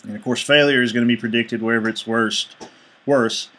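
Man calmly walking through calculations. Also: medium pitch, brisk. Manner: steady step-by-step explaining, reading out numbers. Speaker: engineering instructor. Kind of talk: screencast lecture.

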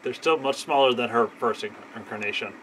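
A man's voice: medium pitch, brisk, fairly bright tone, a little hiss or hum, poor audio. A man hosting a gameplay video, cracking wry jokes and going off on tangents in casual commentary. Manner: joking, wry asides and tangents. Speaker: host.

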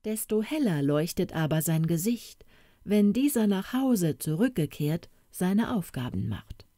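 A woman narrating a storybook audiobook in a soft, expressive, unhurried manner, recorded close to the mic. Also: on the low side, dry recording.

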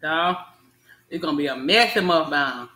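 A woman vlogging while she eats, talking slowly between bites with her mouth full and chewing. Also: low voice. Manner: slow, relaxed talk between bites, murmuring. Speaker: mukbang vlogger. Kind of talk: casual eating vlog chat. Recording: echoey room.

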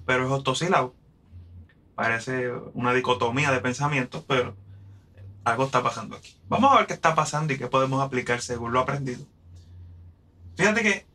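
Man, Puerto Rican accent, middle-aged, bright tone, patient teacher, counts syllables aloud. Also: a little high. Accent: Puerto Rican Spanish. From Puerto Rico. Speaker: poetry teacher. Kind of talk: explaining a lesson on verse and syllable counting.

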